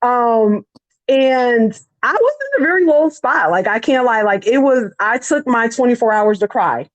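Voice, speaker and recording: A woman's voice: on the high side, animated, a little slow, no echo, muffled recording. Chatty woman in her thirties, storytelling. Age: 30s. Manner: rambling with many "like" fillers. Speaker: podcast co-host. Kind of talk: casual chat, personal storytelling.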